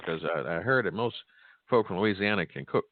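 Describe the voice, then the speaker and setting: Guy host joking around, gravelly, dry tinny phone sound, casual chat. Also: fairly low pitch, a little fast, no echo. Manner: teasing, joking. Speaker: host, pastor and church musician. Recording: dull, narrow phone-like sound.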